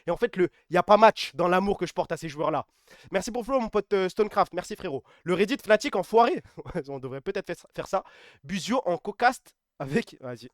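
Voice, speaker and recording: A man live-streaming in casual chat, excitable and emphatic, repeating himself and swearing freely. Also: sits high, fairly quick, no echo, studio quality.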